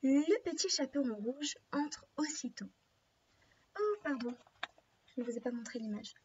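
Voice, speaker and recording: A teacher reading a story aloud to young children, slowly and gently, stopping to explain words and ask questions. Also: female voice, high-pitched, lively intonation, a little hiss or hum. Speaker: preschool teacher. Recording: slightly dull lo-fi recording.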